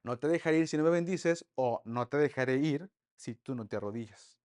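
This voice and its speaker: A man teaching an online Bible study lesson, lively and full of rhetorical questions to the group. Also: medium pitch, a little fast.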